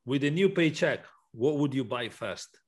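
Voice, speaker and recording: A man's voice: mid-range voice, lively intonation, moderate pace. A male podcast host with a mid-range voice asks questions in casual chat. His speech wanders, full of restarts and repeated words. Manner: rambling, repetitive restarts.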